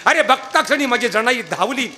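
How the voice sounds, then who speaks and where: A man's voice: very high voice, lively intonation, normal speed, bright, forceful tone. A man preaching a devotional kirtan, telling the story dramatically and calling out to his listeners at a live festival. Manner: emotional, dramatic, calls out to the audience. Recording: noisy live event recording.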